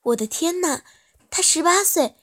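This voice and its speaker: A woman's voice: very high-pitched, lively intonation, unhurried, pitched above the performer's own voice, exaggerated voice. A woman voicing a caring, worried widowed mother in a storybook reading, speaking in a coaxing way. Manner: warm, coaxing, concerned.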